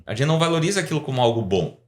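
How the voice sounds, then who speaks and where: Brazilian man, 40s, podcast guest professor, talkative and explanatory, mid-pitched voice. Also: very animated, rapid-fire. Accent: Brazilian Portuguese. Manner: explanatory, rambling, frequent tag questions. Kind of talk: podcast interview.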